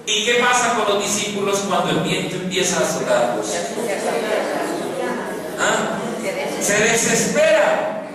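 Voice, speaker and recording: A man preaching as a priest, animated, asking the congregation questions and answering them himself. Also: high voice. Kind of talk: sermon. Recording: echoey church from far off, noisy.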